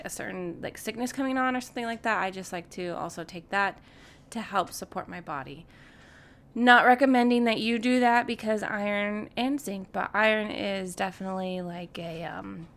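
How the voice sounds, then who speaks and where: Young woman podcast host, nasal and congested, easygoing solo chat, mid-pitched, faint noise behind. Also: creaky, fairly bright tone. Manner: rambling, filler-heavy with frequent likes and ums. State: congested, stuffed up.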